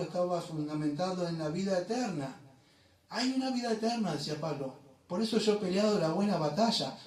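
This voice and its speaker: A man preaching a sermon as pastor, emphatic and full of rhetorical questions. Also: on the high side. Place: church sanctuary. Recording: echoey church room from far off.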